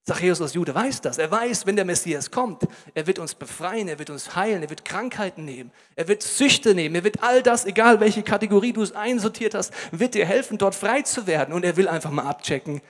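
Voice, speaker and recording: A man preaching a sermon in a lively, colloquial way, speaking straight to the listener. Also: high voice, a little fast, few pauses, in a large hall.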